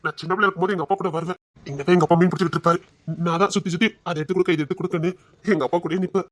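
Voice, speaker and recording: A man's voice: sits high, fairly even intonation, rapid-fire, no echo, lightly acted. A young man acting a devoted lover who soothes and reassures his frightened partner in a romantic drama. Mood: fond, reminiscing. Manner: tender, soothing, insistent.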